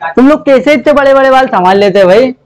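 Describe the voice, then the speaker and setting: A man's voice: very high voice, lively intonation, fast talker. A male science teacher giving a jokey classroom lecture, repeating questions to students and calling for their attention. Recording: noisy classroom crowd. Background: students talking and laughing.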